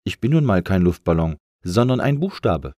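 A man's voice: low-pitched, big pitch swings, normal speed, mellow, no room sound, studio quality. A man voicing a big talking letter A, fretful and complaining, in a storybook. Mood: worried. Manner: worried, complaining.

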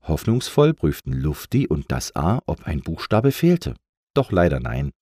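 Brief: male storybook narrator, dry close sound, animated delivery. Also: a bass voice, measured pace, no echo. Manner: expressive storytelling. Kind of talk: children's story reading.

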